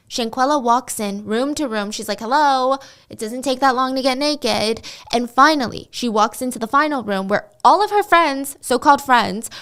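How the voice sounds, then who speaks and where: Woman chatting through a story while she draws, lots of asides, voice a bit on the high side. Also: fairly bright tone. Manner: chatty, with conversational asides and rhetorical questions. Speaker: commentary host. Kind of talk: casual storytelling while drawing.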